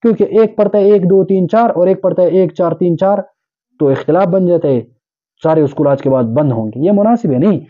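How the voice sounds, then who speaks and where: An Islamic preacher gives an earnest Urdu sermon, urging listeners on and explaining with everyday examples. His voice is high with a dark tone, and the recording's highs are cut off.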